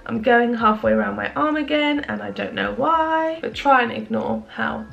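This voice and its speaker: At home in the evening, a young beauty vlogger rambles chattily through a casual makeup review, poking fun at herself along the way. Her slightly high voice is gravelly and croaky with a clear edge of vocal fry, her pace moderate, and the audio dull.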